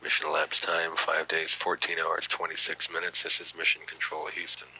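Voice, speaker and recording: A man giving matter-of-fact mission control status commentary, halting often with uhs and pauses, on an archival radio feed. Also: rumbling low, monotone, bright, forceful tone, husky, low-quality recording. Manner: halting, hesitant delivery with frequent uhs and pauses. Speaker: mission control announcer, public affairs commentator. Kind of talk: spaceflight status commentary, partly improvised.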